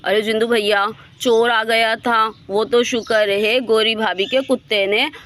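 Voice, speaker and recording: A woman voicing an alert, brave male neighbor in a doll story, talking loudly and excitedly. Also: a little high, a little slow, a little hiss or hum. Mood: explaining. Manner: shouting alarm, excited.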